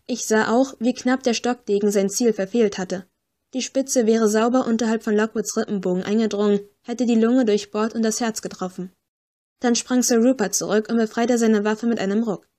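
A woman reading an audiobook in a steady, measured first-person narration. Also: a little high.

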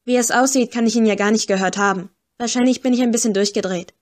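A woman's voice: fairly high pitch, steady tone, quick pace, lightly acted. Woman doing an angry, frightened young agent. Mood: upset agitated.

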